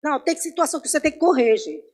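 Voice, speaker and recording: A high-pitched woman, teaching a Sunday Bible class in a church. She talks conversationally and keeps asking her listeners questions. Her voice swings from loud to soft as she tells stories. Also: big pitch swings, racing.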